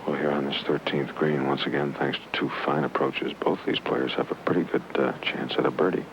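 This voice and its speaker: A man with an extremely low, creaky voice commentates on golf from the course. He talks in a folksy, conversational way, often hushed near the putt. The old broadcast recording is dull, with loud outdoor noise behind him. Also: little pitch movement, a little fast.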